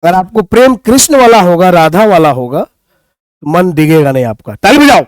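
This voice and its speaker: A man's voice: high voice, very animated, moderate pace. A man with a Bhojpuri accent teaching English grammar to a class, playfully teasing students and reciting verse. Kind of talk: classroom teaching with poetry and banter.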